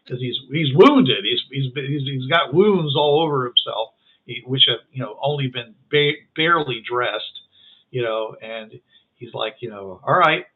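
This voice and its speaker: Halting man game master on a tinny line. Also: medium pitch. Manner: halting, full of restarts and fillers. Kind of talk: narrating a tabletop game. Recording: phone-like online call.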